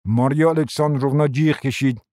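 A reader narrating a story in a low, steady voice between the dialogue. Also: no room sound, clean studio sound. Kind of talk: audiobook narration.

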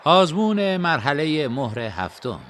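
A man's voice: a little high, big pitch swings, a bit bright, a little hiss or hum, voice pushed up. A man voicing a kindly old male academy head who makes formal announcements in a storybook reading. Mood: announcing.

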